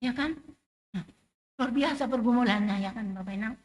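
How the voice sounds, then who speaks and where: High-voiced woman testifying in church. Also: moderate pace, rough recording. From Indonesia. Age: middle-aged. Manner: emotional, emphatic, rising and falling loudness. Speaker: church member giving testimony. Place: church sanctuary.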